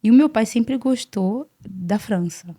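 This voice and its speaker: A Brazilian woman in her forties, a podcast guest, telling her life story in an earnest, animated way and often repeating words. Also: a little high, measured pace, creaky. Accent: Brazilian Portuguese. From Brazil (Salvador, Bahia). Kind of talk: casual interview storytelling.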